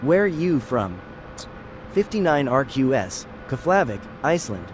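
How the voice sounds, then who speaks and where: Text-to-speech male chat reader, average pitch, flat and even message readout. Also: unhurried, slight background noise. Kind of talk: reading viewer messages aloud.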